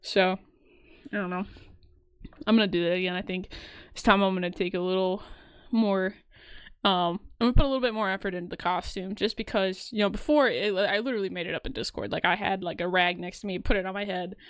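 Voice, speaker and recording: Young woman, podcast co-host, casual rambling chat, mid pitch, dry close sound. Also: steady tone, brisk, clean tone, dry recording. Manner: rambling, lots of fillers and restarts.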